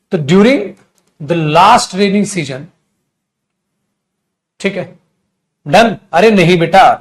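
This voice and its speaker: A middle-aged man with an Indian accent teaching a live online English grammar class, dictating sentences slowly and then correcting the students quickly and fondly. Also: on the high side.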